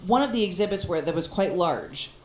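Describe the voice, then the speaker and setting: A woman co-hosting a casual chat, telling a story in an animated way and laughing often. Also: on the low side, fairly quick, reverberant. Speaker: podcast co-host.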